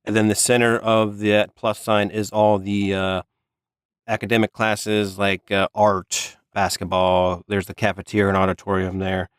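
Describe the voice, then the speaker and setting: Smooth low-voiced man running the game. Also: completely flat delivery, no echo, studio quality. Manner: halting, restarts, laughs along. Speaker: game master. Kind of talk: narrating a tabletop game.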